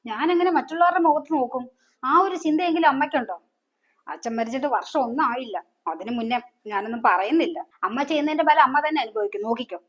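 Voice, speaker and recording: A woman's voice: sits high, expressive, fast talker. An actress playing a young student daughter who reproaches her mother with pointed questions. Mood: reproachful. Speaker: actor. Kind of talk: family drama acting. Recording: dull lo-fi sound.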